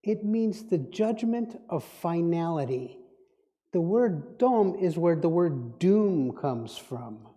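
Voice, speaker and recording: Speaking slowly in a dark-toned, expressive voice on the high side, a Dutch-native guest speaker muses at a spiritual gathering, repeating himself and circling back on words. A long hall reverb surrounds him.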